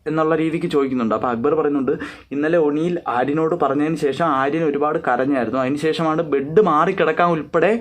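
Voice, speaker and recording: A man's voice: on the high side, quick pace. A man casually recapping a reality show episode, rambling along with frequent fillers and repeated reporting phrases.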